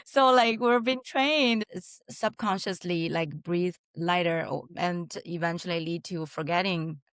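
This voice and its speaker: A woman writer in a casual group conversation, speaking haltingly as she searches for her words. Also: on the low side, dry recording.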